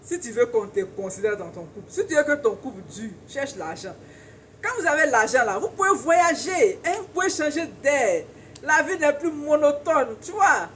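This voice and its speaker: A woman's voice: sits high, animated, normal speed, a bit bright, slight background noise. A woman with an Ivorian French accent giving emphatic relationship advice to viewers in a casual monologue, laughing often and repeating points for emphasis.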